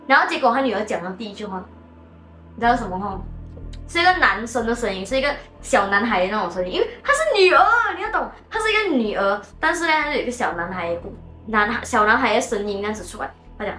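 A woman hosting a show and telling a ghost story casually, animated and mixing in English words. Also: a little high, quick pace. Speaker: host and storyteller. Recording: echoey room with faint music.

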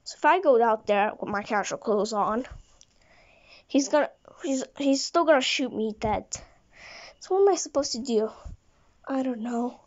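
High-pitched woman telling a made-up fan story, stumbles and restarts a lot, dull muffled recording. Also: moderate pace, long pauses. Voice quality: rambling, frequent restarts and stumbles. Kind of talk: improvised fan story retelling.

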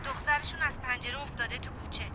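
A woman's voice: high-pitched, steady tone, noisy background, natural voice. An actress playing a talkative, fretful female neighbor. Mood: worried. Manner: chatty, talkative.

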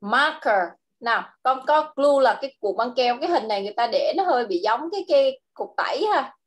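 A woman with a Vietnamese accent teaching English words to a child one-on-one, drilling each word patiently and switching to quicker speech to explain. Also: on the high side, lively intonation. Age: adult.

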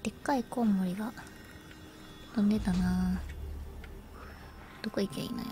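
A woman's voice: medium pitch, fairly even intonation, normal speed, warm tone. A woman streaming a video game, giving casual commentary, muttering and grumbling, and whispering text as she reads it. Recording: background noise.

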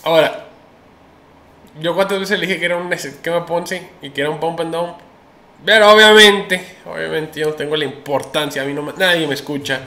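Opinionated male news host, casual delivery, slightly high and bright, roomy sound. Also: brisk. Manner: chatty, opinionated, many restarts and fillers.

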